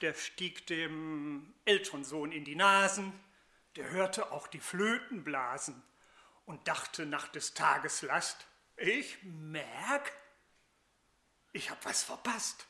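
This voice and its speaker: A storyteller retelling a parable in rhymed verse, with a measured, sing-song reading. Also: medium pitch, sharp tone.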